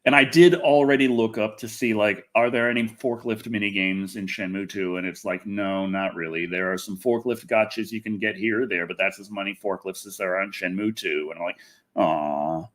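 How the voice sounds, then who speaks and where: Hosting a laid-back livestream on games and film news, this man talks at a normal speed in a fairly low voice. His delivery is animated and rambling, and he keeps interrupting himself.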